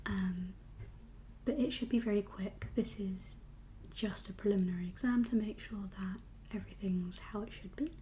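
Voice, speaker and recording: Playing a doctor in an ASMR medical roleplay, a woman whispers softly and breathily in a calm, reassuring, unhurried manner. Her voice is mid-range, and there's a little hiss or hum in the background.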